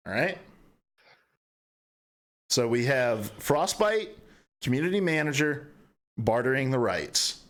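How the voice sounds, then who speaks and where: A man's voice: mid-range voice, big pitch swings, slow, long pauses, fairly bright tone. Playful man hosting a podcast game. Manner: playful, joking game-show patter. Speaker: podcast host. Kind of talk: casual gaming podcast chat.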